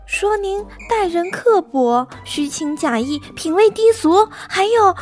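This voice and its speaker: A woman voicing a young palace concubine who flatters and pleads in a whiny way. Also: very high-pitched, takes it slowly, faint music behind, heavily acted. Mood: pleading. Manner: wheedling, pleading.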